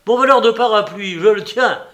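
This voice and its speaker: A man's voice: sits high, moderate pace, voice pushed up. A man voicing a bellowing irascible old concierge. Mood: furious. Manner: loud, furious, blustering. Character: irascible shouting male concierge.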